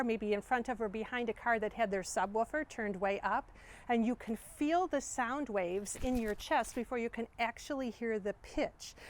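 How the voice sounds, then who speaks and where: A woman choir director giving a friendly, enthusiastic video lesson on vocal technique. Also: a little high.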